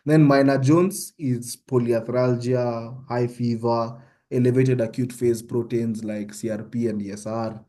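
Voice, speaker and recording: A young Kenyan man with a Kenyan accent talks at a measured pace with hardly any pauses, his mid-range voice steady and dark. In his informal online medical tutorial he's conversational, often checking in with listeners with "yeah?".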